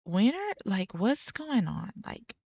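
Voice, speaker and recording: A woman's voice: mid-range voice, sing-song, slow pace, vocal fry, mellow, no echo, muffled recording. A young woman giving casual, chatty gameplay commentary to her viewers, with frequent exclamations. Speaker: let's play creator.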